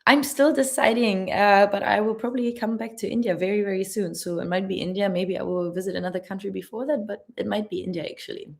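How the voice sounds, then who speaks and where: A woman's voice: mid-range voice, steady tone, fast, creaky, few pauses. A young woman with a German accent, a travel vlogger answering chat questions on a live stream in a chatty, laughing, careful way.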